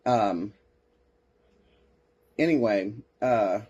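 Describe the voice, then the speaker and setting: Husky man reading case files with sarcasm. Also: fairly low pitch, very slow, darkish tone, highs cut off. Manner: sarcastic asides, answers chat comments. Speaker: podcast host. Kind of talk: reading case reports aloud with live commentary.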